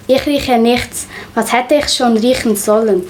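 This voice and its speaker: A woman voicing an irritable, quick-tempered orphan girl in a children's story. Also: on the high side, a little mellow, slight background noise, natural voice, poor audio. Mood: impatient. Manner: irritable, snapping.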